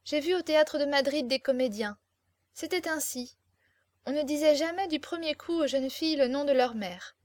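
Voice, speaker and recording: A woman voicing a naive, excitable young girl full of romantic dreams, talking with eager, breathless pleading in an audiobook reading. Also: high voice, normal speed, no echo, clean studio sound, voice pushed up, natural voice. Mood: excited.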